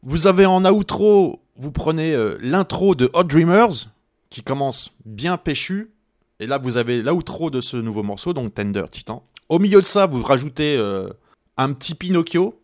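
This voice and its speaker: A man's voice: a little high, animated, normal speed, a little mellow, no echo. Guy hosting a radio music show, rambling and jokey, lots of ums, dead dry studio mic. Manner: chatty and joking, with many hesitations. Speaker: radio host. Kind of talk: casual radio music commentary.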